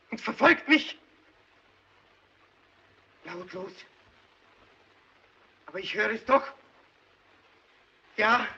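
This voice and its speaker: A tormented hunted child killer. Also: male voice, very high-pitched, vocal fry, bright, forceful tone, heavily acted. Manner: desperate, broken, rising to frantic screams. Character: hunted, tormented male child killer pleading before a mob. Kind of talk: 1930s film drama acting. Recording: dull early sound-film audio.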